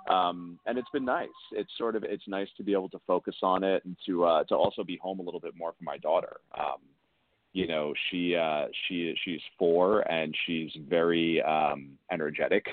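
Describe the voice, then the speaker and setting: A man's voice: sits low, fairly even intonation, moderate pace, no room sound. A man in his thirties, an author, chatting in a rambling, casual way, heard over a phone-like call line. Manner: rambling, chatty, self-correcting. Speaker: crime fiction author, interview guest. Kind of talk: casual interview chat. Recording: dry, tinny phone-like call audio.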